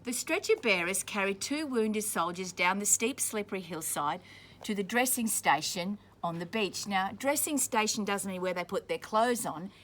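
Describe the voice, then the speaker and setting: A woman on a school's staff reads a picture book aloud to children, pausing to explain words in simple terms. Her mid-range voice is expressive with a fairly bright tone.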